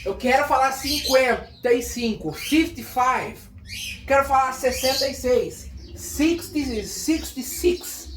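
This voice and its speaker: Echoey, high-voiced Brazilian teacher. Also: female voice, background noise. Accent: Brazilian Portuguese. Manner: repeats words slowly, drilling pronunciation. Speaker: English teacher. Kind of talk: casual online lesson. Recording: echoey room with birds outside.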